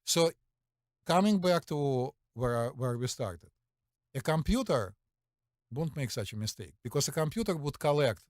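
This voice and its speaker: Once more the middle-aged Russian-accented doctor is storytelling on his podcast, confident, heavy on fillers and his habitual "right?". He talks a little slowly in an animated, mid-range voice. The recording is dry and of studio quality.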